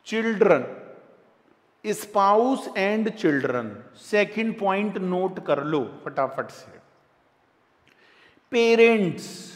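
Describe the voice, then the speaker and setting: A high-voiced man with an Indian accent teaches at an unhurried pace, repeating points and calling his students dear. His voice carries a long reverb, as if spoken in a hall. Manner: lively and repetitive, addressing students as dear. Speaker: tax lecturer. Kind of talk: classroom lecture.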